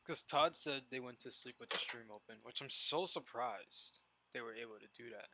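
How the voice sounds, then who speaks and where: A man's voice: mid-range voice, moderate pace, background noise. A tired young man chatting casually on a game stream, rambling, laughing and trailing off mid-sentence. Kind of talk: casual live-stream chat.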